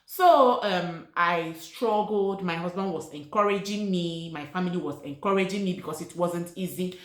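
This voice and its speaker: This Igbo-speaking Nigerian woman, middle-aged, vlogs about her life in a relaxed, sincere manner, echoing key words for emphasis. She talks at a moderate pace in a fairly low voice, recorded in a room with noticeable echo.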